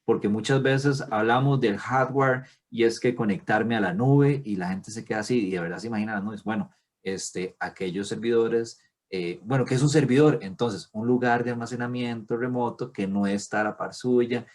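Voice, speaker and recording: A man hosting a casual podcast interview, chatty and enthusiastic, quick to affirm his guest. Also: fairly low pitch. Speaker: podcast host.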